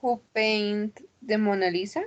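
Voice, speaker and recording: A woman student gives careful, tentative answers in class. She speaks very slowly and deliberately, at a mid pitch. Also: fairly even intonation, highs cut off.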